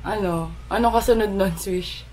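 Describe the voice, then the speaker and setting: A woman's voice: medium pitch, steady tone, moderate pace, a little mellow, slight background noise. A woman from the Philippines, a vlogger chatting playfully and teasing a friend during a prank call. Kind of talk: casual chat. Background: music.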